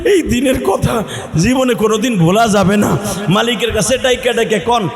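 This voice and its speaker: High-voiced impassioned Bangladeshi preacher, half-singing. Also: male voice, animated, normal speed. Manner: impassioned, half-sung, calls out to the crowd. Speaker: Islamic preacher. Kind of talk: chanted waz sermon. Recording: echoey hall with faint music.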